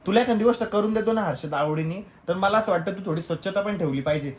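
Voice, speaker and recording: A man's voice: high voice, reverberant, slight background noise, poor audio. A man, joking around and lecturing his younger brother in a home vlog. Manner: fast, joking, bossy big-brother tone. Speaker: vlogger. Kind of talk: casual family vlog chat.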